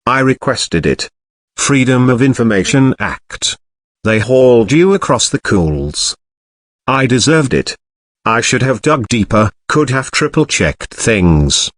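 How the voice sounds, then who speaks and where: A man's voice: mid-range voice, lively intonation, takes it slowly. A man voicing a kindly old Yorkshire father. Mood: gentle. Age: older. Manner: warm, kindly, gruff self-deprecating. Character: older grieving Yorkshire man, gentle father-in-law. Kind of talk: audiobook character voice.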